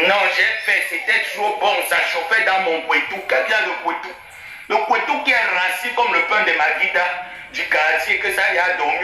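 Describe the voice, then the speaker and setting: A man's voice: a little high, sharp tone. A man in an angry informal rant, scolding and insulting with rhetorical questions. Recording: heavy echo with music behind.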